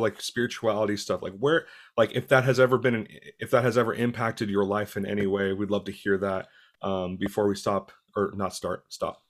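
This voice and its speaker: A man hosting a podcast, chatting in a loose, rambling way with casual swearing. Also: lowish voice. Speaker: podcast host.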